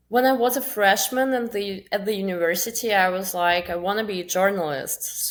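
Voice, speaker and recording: Low-voiced woman with a Russian accent. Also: fairly bright tone. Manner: chatty, many fillers like "like" and "um". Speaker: guest, crypto marketing founder. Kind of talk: casual interview talk.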